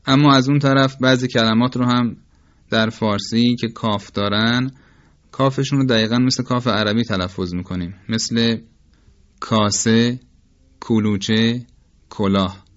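A man at a middle pitch gives a methodical tajweed lesson, courteous and formal toward his listeners. He stops often to voice single sounds slowly and plainly. The recording is a bit muffled and lo-fi. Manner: slow, careful, demonstrates each sound aloud. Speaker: Quran recitation teacher. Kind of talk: instructional lecture on tajweed.

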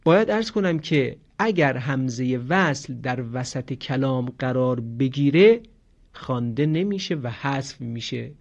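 Guy teaching grammar, slightly high voice, slow careful explaining, kinda muffled lo-fi audio. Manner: slow, explanatory, demonstrates pronunciation. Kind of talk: grammar lesson. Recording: dull lo-fi recording.

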